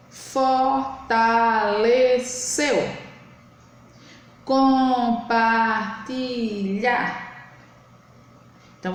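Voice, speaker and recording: A woman, teaching a young class in a recorded remote lesson, patiently stretching words out syllable by syllable. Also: fairly high pitch. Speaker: primary school teacher. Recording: very echoey room, faint noise.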